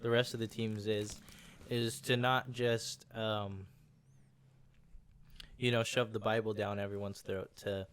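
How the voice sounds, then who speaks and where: Young male co-host, lowish voice, loose rambling delivery full of fillers. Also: flat delivery, measured pace, a bit bright, clean tone. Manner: rambling, hesitant with many fillers. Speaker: podcast co-host. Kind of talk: casual chat.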